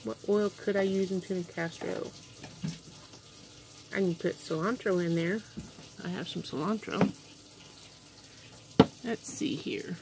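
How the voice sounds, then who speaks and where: A woman's voice: fairly low pitch, unhurried, long pauses. Chatty older woman cooking in a noisy kitchen. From Kansas, USA. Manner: chatty, rambling, homey, thinks aloud while working. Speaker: home cooking vlogger. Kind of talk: casual cooking chat to camera. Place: home kitchen, indoors. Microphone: built-in camera mic, moves toward and away. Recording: noisy home kitchen, voice drifts off mic. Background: running tap water and kitchen clatter.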